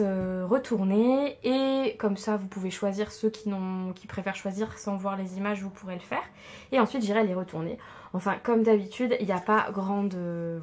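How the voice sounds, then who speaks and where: A woman doing a casual tarot card reading for her viewers, chatty and reassuring with many fillers. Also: mid-range voice. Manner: chatty, warm and reassuring, frequent fillers and soft laughs. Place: home room, with a tripod-mounted camera.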